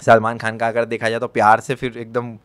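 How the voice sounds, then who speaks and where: A man, a podcast guest telling stories in a casual, animated way and acting out the quotes. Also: medium pitch, fairly quick. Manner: animated storyteller, acts out quotes, laughs often. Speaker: podcast guest, content creator.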